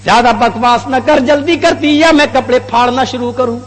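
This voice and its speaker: A man's voice: extremely high pitch, a bit bright. A man preacher voicing a harsh, threatening villain in a parable, recorded in a reverberant hall. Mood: menacing. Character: menacing lustful man adrift at sea. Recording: long hall reverb, faint music.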